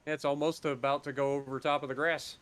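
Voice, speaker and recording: A man's voice: medium pitch, flat delivery, brisk, fairly bright tone. A man streaming a train game, chatting casually and swearing now and then. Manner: laid-back, swears casually. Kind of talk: casual gameplay chat.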